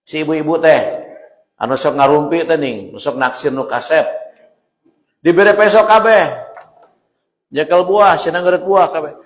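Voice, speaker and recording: A man with a Sundanese accent preaching a mosque sermon, telling stories lively, laughing and turning to his listeners. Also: a little high, moderate pace, long pauses. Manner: lively storytelling with laughter and asides to the audience. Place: mosque hall. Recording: echoey mosque hall.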